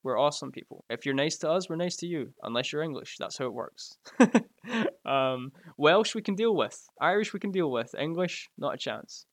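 A man's voice: fairly high pitch, animated, moderate pace, no room sound. A Scottish man with a Glaswegian accent, chatting casually on a live stream in his home, joking and laughing often into a close microphone. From Scotland. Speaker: live streamer reading chat. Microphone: close mic right in front of the mouth.

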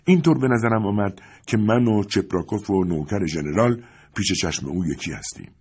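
Brief: male audiobook narrator, low and husky, measured and expressive. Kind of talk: audiobook reading of a novel.

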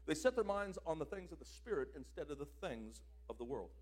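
A man preaching a sermon, emphatic, swinging between loud declarations and quieter asides. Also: fairly high pitch, big pitch swings, a little fast.

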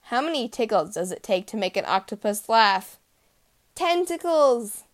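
A woman's voice: mid-range voice, animated, normal speed. A woman hosting a podcast, reading out puns in a playful, punchy way. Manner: playful, punchy delivery of jokes. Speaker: podcast host.

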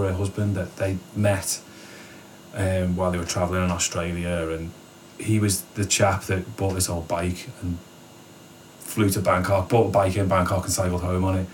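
A man telling a story in casual conversation, animated and laughing often, acting out what people said. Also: deep voice, slight background noise. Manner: animated, laughs often, acts out quotes with a raised voice. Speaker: guest.

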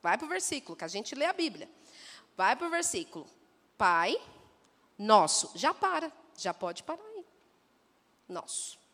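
A woman preaching a sermon who talks straight to the congregation and mimics people in a lively way. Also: high-pitched, fairly quick. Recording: long echo of a church hall.

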